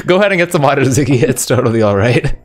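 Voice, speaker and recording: A man commenting live on an esports race, upbeat and easily excited by split times, often filling with "like". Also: mid-range voice, fast talker.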